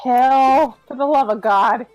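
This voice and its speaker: High-voiced woman playing a tabletop game. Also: takes it slowly, darkish tone, lo-fi sound, faint music behind. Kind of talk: casual game chat.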